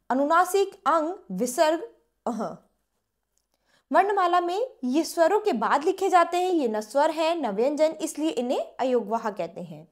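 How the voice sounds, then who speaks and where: A woman teacher giving a grammar lesson, reading definitions and then explaining them informally, slowing down to spell out letters and examples. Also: high voice.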